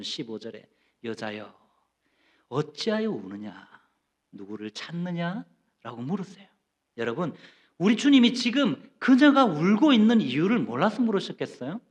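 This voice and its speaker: Preaching with emphasis, a middle-aged Korean pastor uses a high voice, often directs questions at his congregation, and performs the voices of those he quotes.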